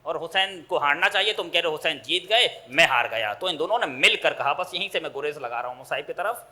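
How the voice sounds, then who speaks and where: A middle-aged male cleric with a Pakistani Urdu accent gives a fervent sermon in a high, piercingly bright voice. He tells the story dramatically, drawing out key phrases and building intensity as he goes. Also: lively intonation. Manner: impassioned, rising and slowing for emphasis. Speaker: Shia cleric delivering a majlis. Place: large mourning hall.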